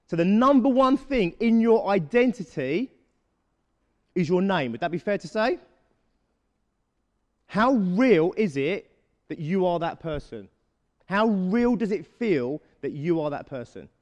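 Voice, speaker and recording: Man, motivational speaker, high and very lively delivery, echoey hall sound. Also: highs cut off. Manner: keeps checking in with the room through quick rhetorical questions. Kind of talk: live talk to a young audience.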